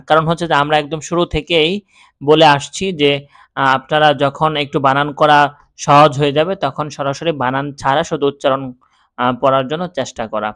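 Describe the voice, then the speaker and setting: A man with a somewhat high voice and a Bangladeshi Bengali accent leads a slow reading lesson. He patiently spells out each letter and vowel mark, then says the joined syllable aloud. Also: fairly bright tone. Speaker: Quran reading teacher.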